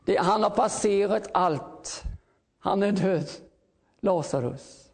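A man's voice: high voice, creaky. A man preaching a fervent revival sermon, often crying out hallelujah and building to urgent calls.

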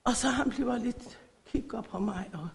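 A middle-aged woman from Iran, giving an emotional church faith testimony in halting phrasing. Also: a little high, vocal fry. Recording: echoey hall.

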